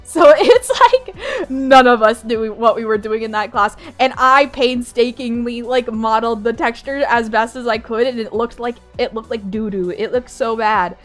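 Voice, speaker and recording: A young woman streamer, just woken up and groggy, chats casually on a live stream in a slightly high voice at normal speed, with faint music playing behind her. She is bubbly and giggly, repeating her phrases as she greets viewers.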